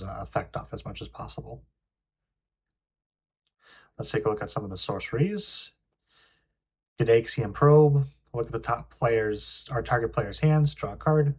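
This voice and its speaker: A man's voice: fairly low pitch, husky. A young man hosting a casual card game review, reading card text aloud between frequent ums and uhs. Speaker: card game video host.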